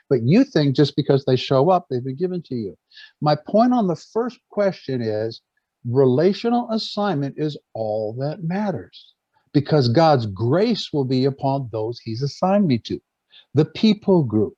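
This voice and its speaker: A man's voice: mid-range voice, warm tone, no room sound, muffled recording. A man giving an earnest preaching talk to a gathering, telling stories and often stumbling and restarting his words. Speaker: speaker on church life.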